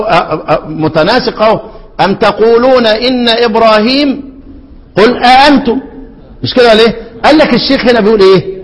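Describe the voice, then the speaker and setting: Egyptian Arabic male teacher, high voice, quizzing his class and reciting verses slowly, long hall reverb. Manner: questioning students, answering his own prompts; slow measured recitation of quoted verses. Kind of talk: classroom lesson explaining a classical text.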